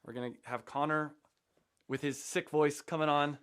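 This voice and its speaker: A man's voice: fairly even intonation, normal speed, fairly bright tone, smooth. Chatty man hosting a livestream. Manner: chatty, rambling, pitches his course. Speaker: host. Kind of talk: casual livestream teaching.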